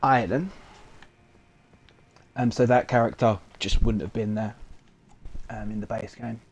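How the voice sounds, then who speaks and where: A man streaming a game, rambling through relaxed commentary with many fillers. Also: on the low side, a little slow, husky. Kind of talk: casual gameplay commentary.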